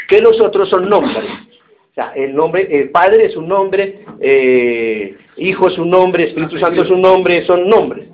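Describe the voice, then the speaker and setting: A man preaching a sermon, telling anecdotes in an animated way and acting out the quotes. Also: high voice. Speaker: pastor. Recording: tinny phone-like audio with faint hiss.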